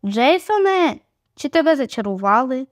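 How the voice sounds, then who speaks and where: Woman reader voicing a teasing, eager young girl; high voice, dry close sound. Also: lively intonation, normal speed, no echo. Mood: excited. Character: lively excited young girl, curious sister.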